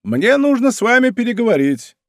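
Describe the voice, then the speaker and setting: A man's voice: extremely high pitch, sing-song, brisk, a bit bright, no echo, clean studio sound, pitched above the performer's own voice, full character voice. A man voicing a sly, timid, middle-aged fortress commandant who complains in a plaintive, wheedling way.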